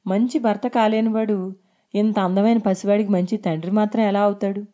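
A woman's voice: medium pitch, fairly even intonation, fairly quick, warm tone, close to an everyday voice. A woman voicing an indignant young woman friend who is a student. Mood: consoling.

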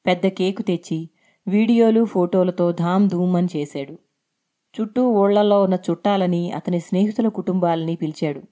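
A woman reading a story aloud in a steady, expressive narrating voice. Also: on the low side, moderate pace.

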